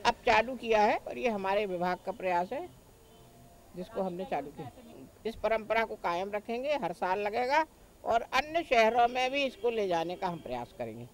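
A woman's voice: mid-range voice, low-quality recording. Woman official talking to the press, formal, lists things off in short bits. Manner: speaks in short listed phrases, official tone. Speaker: government official. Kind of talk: news interview statement.

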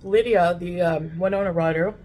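A woman's voice: fairly low pitch, fairly even intonation, normal speed, mellow. A young adult woman talking casually to camera while eating, often chewing as she speaks with her mouth full. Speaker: mukbang vlogger. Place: furnished living room, indoors. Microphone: camera at table distance. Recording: faint room noise, home recording.

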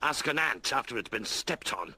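A man voicing a practical, worried male raven in a cartoon dub, brisk and wry. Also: mid-range voice, expressive, slight background noise. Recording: loud music under the dialogue.

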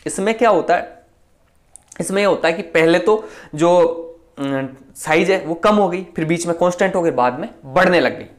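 A male chemistry teacher speaking in a fairly high voice, moving quickly through an online lecture. He explains step by step, keeps posing questions to his students and then answers them himself. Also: animated.

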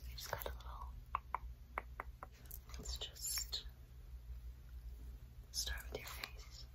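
A young woman doing a fast whispering ASMR role-play as a sketch artist, in an unvoiced, breathy whisper with short, repeated phrases. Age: young adult. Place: small indoor room at home.

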